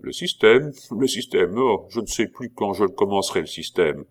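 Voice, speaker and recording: A gruff army commandant from a storybook, loud and short-tempered, forever on the edge of losing his patience, as a man reads him aloud. The voice sits low and heavy, with punchy emphasis on every complaint. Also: animated, normal speed. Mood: agitated. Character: irritable middle-aged army commandant, gambler.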